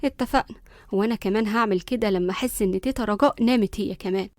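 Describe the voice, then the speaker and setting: A woman's voice: mid-range voice, racing, darkish tone, no room sound, studio quality, close to an everyday voice. A woman voicing a chatty teenage girlfriend with an Egyptian accent. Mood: eager. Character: girlfriend of the granddaughter.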